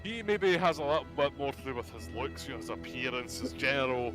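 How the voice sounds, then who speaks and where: A man's voice: medium pitch, brisk, over music. Laid-back man running a tabletop game. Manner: easygoing, rambling with fillers and restarts. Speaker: game master.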